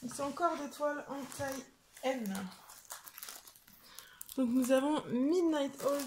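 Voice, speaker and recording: A woman vlogger, casual and chatty, presents her collection with a fairly high voice. She speaks at an unhurried pace and keeps saying "hop" and "voilà". The room sounds echoey, with clear background noise. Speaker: craft vlogger. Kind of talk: casual show-and-tell vlog.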